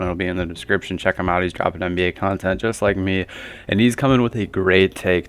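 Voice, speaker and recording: A man's voice: deep voice, a bit bright, clean tone. A man hosting a sports commentary channel, talking through viewer takes in a rambling, conversational way with lots of fillers. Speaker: basketball commentary channel host.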